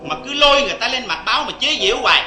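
An actor with a Southern Vietnamese accent playing a joking, teasing husband in a radio drama, talking in a lively, bantering way. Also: male voice, extremely high pitch, racing, noisy background. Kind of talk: vintage radio drama acting. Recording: roomy echo with clear music behind.

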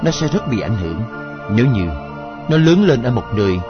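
A man playing a gentle husband and son who tries to calm his family. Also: medium pitch, brisk, lightly acted. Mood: soothing. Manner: soothing, reasoning. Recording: dull lo-fi recording with music.

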